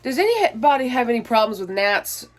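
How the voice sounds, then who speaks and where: A woman's voice: on the high side, very animated, brisk. A woman in her twenties vlogging casually from her home. She rambles with many fillers and restarts and sounds a little out of breath. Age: 20s. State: out of breath, allergies. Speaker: mom vlogger. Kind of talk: casual chatty vlog. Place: small cluttered home, indoors.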